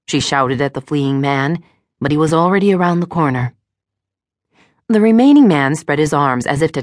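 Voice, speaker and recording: A woman narrating an audiobook in a measured storytelling manner. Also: low-pitched, no room sound, studio quality. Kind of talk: scripted narration. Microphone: studio microphone.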